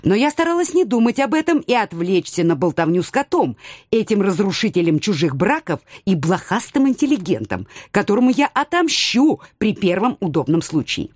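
A woman giving an expressive, playful first-person audiobook narration. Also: mid-range voice, moderate pace, no room sound, studio quality.

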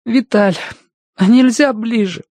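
A man reading a story aloud and voicing a young boy who talks in a high, pleading, tearful way. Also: huge pitch swings, slow pace, husky, no echo, exaggerated voice.

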